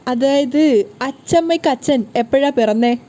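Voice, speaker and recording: A woman's voice: sits high, a little slow, warm tone. A woman voicing an anxious young husband who keeps pleading with his father, in a TV serial recap. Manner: pleading, repeating himself.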